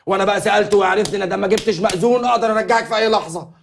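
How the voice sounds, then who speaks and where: An actor playing a pushy, mocking ex-husband in a comedy series, talking in a rapid, brash way. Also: male voice, high-pitched, fairly even intonation, creaky, slight background noise. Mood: taunting. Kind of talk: TV comedy drama acting.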